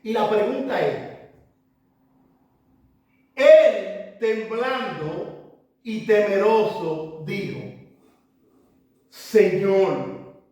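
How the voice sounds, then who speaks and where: Man, preacher, sermon, slow and deliberate, emphatic repetitions, heard from a distance in a very reverberant church. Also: sits high, a little mellow. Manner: emphatic, repeats phrases and urges the congregation. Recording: very echoey church hall, voice from far off.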